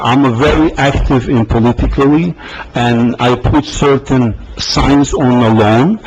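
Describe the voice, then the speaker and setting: A man from the Soviet Union, a resident making a halting, earnest public comment at a town council meeting, with many fillers and restarts. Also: medium pitch. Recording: dull lo-fi meeting recording with faint hiss.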